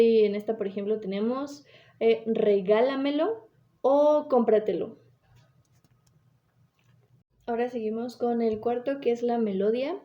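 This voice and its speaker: A woman's voice: a little high, dull audio. A woman giving a class presentation, reading with hesitations, fillers and frequent self-corrections.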